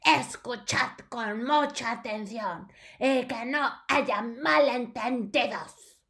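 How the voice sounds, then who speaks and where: A woman voicing a furious, hateful grand witch in a storybook reading, shrieking her words slowly and drawn out. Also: fairly high pitch, gravelly, fairly bright tone, pitched above the performer's own voice, exaggerated voice. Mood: screeching hateful. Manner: slow, drawn-out shrieking declarations. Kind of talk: storybook read-aloud.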